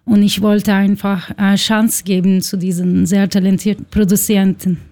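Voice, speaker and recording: A woman from Turkey, who runs a record label, speaking German haltingly and searching for words. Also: mid-range voice, flat delivery, dark tone.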